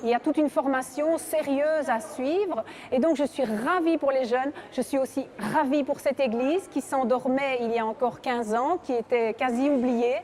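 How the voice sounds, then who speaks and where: A woman's voice: high voice, moderate pace, few pauses, darkish tone. A middle-aged woman, a heritage association founder, speaking with enthusiasm and many hesitations in an outdoor interview. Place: outdoors at a church event. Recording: crowd audible behind.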